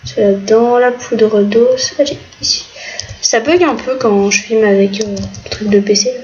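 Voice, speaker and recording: High-voiced woman rambling over gameplay. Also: fairly even intonation, measured pace, darkish tone. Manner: hesitant, rambling, many fillers. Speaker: gaming video creator. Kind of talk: casual gameplay commentary. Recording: muffled lo-fi mic, faint noise, keyboard clicks.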